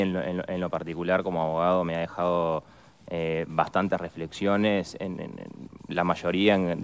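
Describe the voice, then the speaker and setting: A man's voice: low-pitched, smooth. A man working as a defense lawyer, explaining legal points with care in a studio interview and often repeating words as he searches for the exact phrasing.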